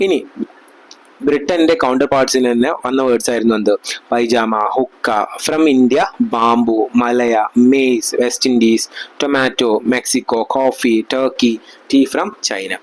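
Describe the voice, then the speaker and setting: A young man with a Malayali accent giving an exam-prep lecture to students. He explains in his own language mixed with English terms and reads English passages slowly. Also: mid-range voice, steady tone, rough recording.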